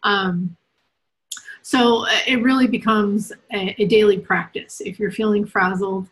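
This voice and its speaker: A woman's voice: mid-range voice, steady tone, measured pace, poor audio. A woman hosting a live spiritual Q&A reading over a video call. She talks casually and giggles easily, checking in with "right?" and "okay?" all the time. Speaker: spiritual reader and host.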